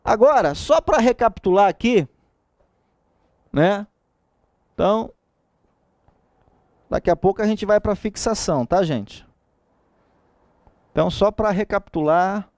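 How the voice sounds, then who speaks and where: A man's voice: high voice, a little slow, long pauses, no room sound. A man with a Brazilian Portuguese accent giving an exam-prep grammar lecture, asking rhetorical questions and checking in with the class often. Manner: lively, asks rhetorical questions, frequent checks like "tá?". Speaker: teacher.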